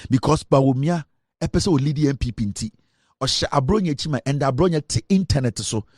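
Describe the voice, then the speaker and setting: A man's voice: medium pitch, a little fast, darkish tone, breathy edge, no echo, studio quality. A man with a Ghanaian accent giving impassioned political commentary, switching between English and Twi and building to indignant rhetorical questions. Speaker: online news commentator.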